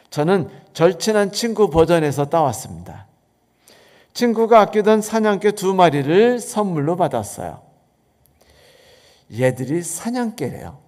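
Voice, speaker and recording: A man's voice: high voice, darkish tone. A man preaching a sermon as a pastor, telling stories and asking the congregation questions. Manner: conversational storytelling preaching with rhetorical questions.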